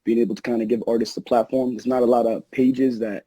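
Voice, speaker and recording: A man, Egyptian-born and now a rapper, chatting casually as the new host with a laid-back, relaxed delivery. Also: mid-range voice, fast talker, husky, no room sound, poor audio. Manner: laid-back, relaxed, lots of "you know". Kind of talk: casual podcast chat.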